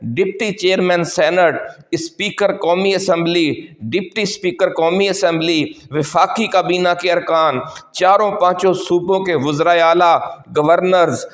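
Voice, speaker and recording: A man delivering a political commentary monologue to viewers. He talks rhetorically, recites a line of verse and lists long runs of names in a steady cadence. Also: high-pitched, reverberant.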